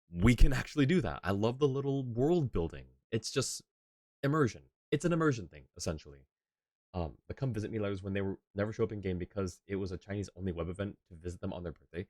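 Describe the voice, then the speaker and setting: A male streamer talks casually as he plays a game, rambling and laughing a lot. His voice is low, and the studio recording is clean with no echo.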